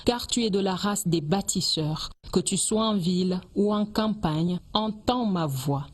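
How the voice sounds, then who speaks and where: Husky-voiced woman, solemn declamation. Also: mid-range voice, a little slow. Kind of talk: solemn tribute narration.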